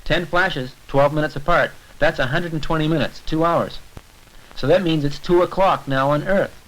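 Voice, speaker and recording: Pitched on the high side and a bit bright, this male narrator talks at a normal speed through a science short for education. He explains step by step in a casual, lecture-like tone. It sounds like a clicking, noisy 1970s film soundtrack.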